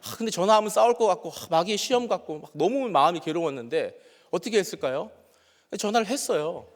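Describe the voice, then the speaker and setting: A man's voice: sits high, lively intonation, fast. A male pastor preaching a sermon, telling a personal story and acting out his own past dialogue. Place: church sanctuary. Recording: long church hall reverb.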